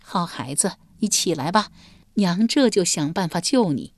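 A woman's voice: fairly low pitch, lively intonation, darkish tone, dry recording, studio quality. A woman doing a kindly old servant woman. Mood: reassuring. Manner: slow, sighing, motherly. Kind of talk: audiobook character voice.

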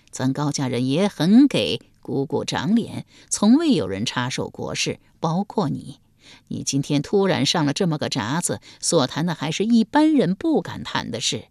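A woman's voice: sits low, creaky, darkish tone, dry recording, clean studio sound, pitched below the performer's own voice, heavily acted. A woman voicing a stern, imperious old empress dowager. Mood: measured. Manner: cold, imperious, scolding. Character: stern, shrewd elderly grand empress dowager.

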